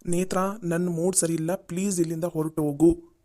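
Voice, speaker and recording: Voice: mid-range voice, little pitch movement, normal speed, dark tone, lightly acted. Voice actor as an angry short-tempered boss. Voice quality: curt, threatening. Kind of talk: cartoon voice acting.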